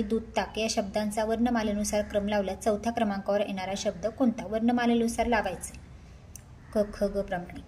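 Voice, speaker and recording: A woman teacher talks through practice exam answers one question at a time. She reads each question aloud, then explains the answer patiently and methodically. Her voice sits at a middle pitch, and a faint room noise stays in the background. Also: warm tone.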